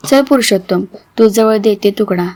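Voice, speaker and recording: A woman's voice: medium pitch, moderate pace, a little mellow, close to an everyday voice. A woman voicing a kind, helpful neighbor with an eager, solicitous manner in a storybook reading.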